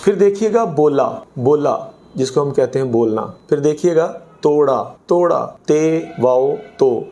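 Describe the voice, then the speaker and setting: Slow, deliberate male Urdu teacher. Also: on the high side, animated, warm tone. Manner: slow, deliberate, repeating each example word. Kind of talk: grammar lesson for students.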